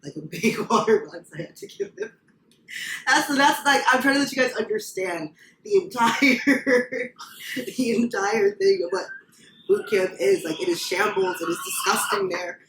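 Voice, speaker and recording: Young woman guest, animated storyteller, middle pitch, roomy and distant sound, faint background hum. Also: moderate pace. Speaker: guest, former Marine. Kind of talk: casual chat. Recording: echoey room, far from the mic, faint ambience.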